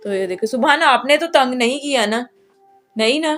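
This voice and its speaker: A woman's voice: high voice, a little fast, a bit bright, faint music behind. A woman vlogging at home as a mother, chatting casually and speaking straight to her viewers.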